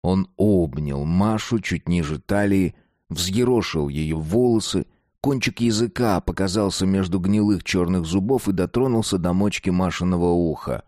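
A man reading a dark story aloud, slow and deliberate. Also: low voice, no echo, studio quality. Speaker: narrator. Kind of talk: scripted narration of a dark story.

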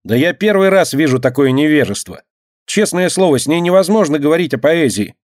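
A man's voice: on the high side, expressive, brisk, darkish tone, no room sound, studio quality, voice pushed up, natural voice. A man voicing a pompous, gallant schoolboy who speaks in an affected, indignant way. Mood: complaining. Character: pompous know-it-all schoolboy.

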